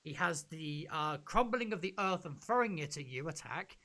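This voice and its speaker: A podcast host chatting excitedly and rambling about a video game, with many restarts. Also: mid-range voice, normal speed. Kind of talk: casual gaming podcast chat.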